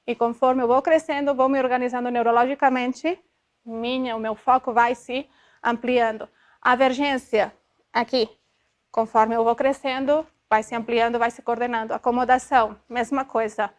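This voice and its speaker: High-voiced woman lecturing a class. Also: fairly even intonation, moderate pace. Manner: explanatory, checks in with frequent tag questions; demonstrative, sounds out syllables to illustrate. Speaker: optometry lecturer.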